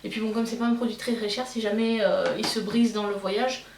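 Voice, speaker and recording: A young Belgian woman with a Belgian French accent, chatting casually as a beauty vlogger and pausing often with fillers and restarts. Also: on the high side, fairly even intonation. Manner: hesitant, many fillers and restarts. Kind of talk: casual chat. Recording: roomy, slightly distant mic, faint noise.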